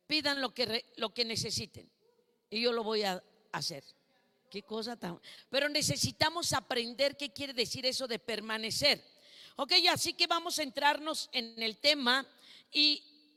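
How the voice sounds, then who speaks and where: A woman's voice: high voice, pushed and bright, long reverb tail. A woman preacher giving a sermon at a women's conference, asking the congregation questions and having them repeat words after her.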